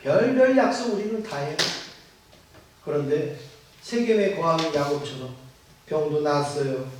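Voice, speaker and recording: A man's voice: a little high, fairly even intonation, measured pace, noisy background. A man preaching a sermon as pastor, putting rhetorical questions to his congregation. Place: church sanctuary. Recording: echoey church hall, mic at a distance.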